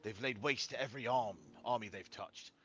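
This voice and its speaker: A man's voice: mid-range voice, normal speed, a bit bright, highs cut off, a little hiss or hum, pitched above the performer's own voice, natural voice. A man voicing a wary male co-conspirator in a tabletop game, arguing earnestly with pointed questions. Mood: alarmed, arguing. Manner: earnest, argumentative rhetorical questioning. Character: wary dissenting co-conspirator, alarmed by talk of treason.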